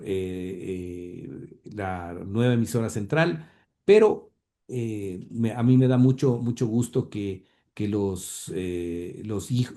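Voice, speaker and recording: A grandson of the radio pioneer tells family history as an interview guest, storytelling conversationally but hesitating often with fillers and repeated words. His voice is on the low side with a dark tone.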